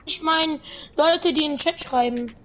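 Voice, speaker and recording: A woman's voice: sits high, a little slow, a bit bright, slight background noise. A young woman casually chatting and joking with a friend while livestreaming a console game. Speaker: livestream host. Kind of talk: casual gaming stream chat.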